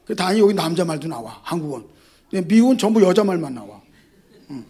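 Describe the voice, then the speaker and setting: Husky high-voiced pastor, animated sermon, talks right to the congregation, cracks jokes. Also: male voice, fast. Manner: animated preaching that repeats key words and mixes in jokes; addresses the congregation directly.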